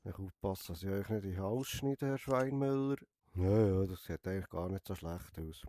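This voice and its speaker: A young man with a cold and a Swiss German accent gives playful, in-character commentary as a barber while streaming a VR game, teasing and adding a questioning "hä?" to his lines. His voice is low-pitched and warm, at a moderate pace.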